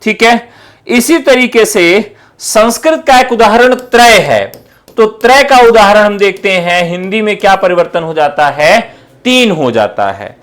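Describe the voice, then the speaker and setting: A man's voice: high voice, lively intonation, unhurried, a bit bright. A male teacher giving an online exam-prep lesson, asking questions and answering them himself, repeating key terms for emphasis. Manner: addresses students as companions.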